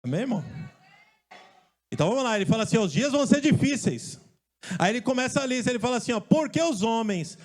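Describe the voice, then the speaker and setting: A male pastor from Brazil preaching a lively sermon, joking and calling out to his congregation. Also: very high voice, fast talker, pauses often, soft background music. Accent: Brazilian Portuguese. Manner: lively, joking storyteller who calls out to the congregation. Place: church stage.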